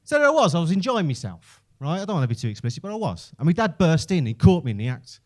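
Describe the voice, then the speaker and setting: This man talks fast in a slightly high voice with big pitch swings. He's a Birmingham-born stand-up comedian with a Brummie accent, spinning stories in a chatty, self-mocking style full of swearing.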